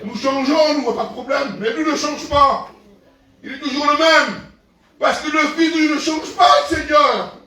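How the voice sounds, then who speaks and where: An older man, a pastor, preaching emphatically with repeated questions and bursts of shouting. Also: very high voice, measured pace. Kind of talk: sermon. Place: large echoey hall. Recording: very echoey hall, voice from a distance.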